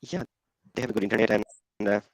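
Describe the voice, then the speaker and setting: A man presenting over a video call, his voice coming through robotic and garbled, speaking haltingly with fillers and restarts. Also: steady tone, vocal fry, dry recording. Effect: robotic, garbled low-quality video call audio. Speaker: presenter of a technical demo. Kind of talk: live online presentation. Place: office. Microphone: headset on a video call.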